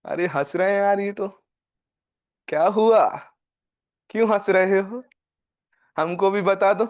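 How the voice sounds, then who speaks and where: A male physics teacher with an Indian accent, lecturing a live class and quizzing students with quick questions. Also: high voice, smooth, lo-fi sound. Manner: dictates questions slowly, word by word.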